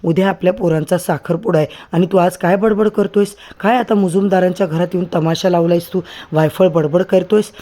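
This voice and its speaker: A man's voice: sits high, steady tone, brisk, few pauses, dark tone, lightly acted. A man voicing a stern, scheming mother who scolds her drunk brother. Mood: scolding.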